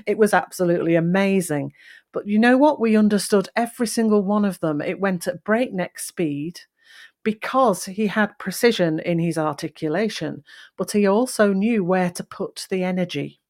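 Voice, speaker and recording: A woman hosting a voice-coaching podcast, speaking deliberately and demonstrating emphasis and changes of pace. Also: on the low side, darkish tone. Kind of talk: instructional podcast talk.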